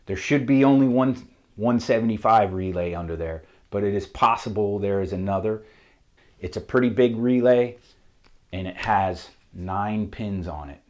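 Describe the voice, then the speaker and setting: Plain-spoken Southern man, low voice. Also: normal speed. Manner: methodical, plain-spoken, steady. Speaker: auto mechanic instructor. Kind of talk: technical how-to explanation. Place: shop with a whiteboard.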